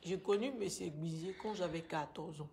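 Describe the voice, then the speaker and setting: A woman in her thirties with an Ivorian accent in her French, giving a halting, distressed and grieving personal testimony to camera. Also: lowish voice, creaky, a little mellow, a little hiss or hum. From Ivory Coast. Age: 30s. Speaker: vlogger making a personal appeal. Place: small indoor room at home. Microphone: phone at arm's length.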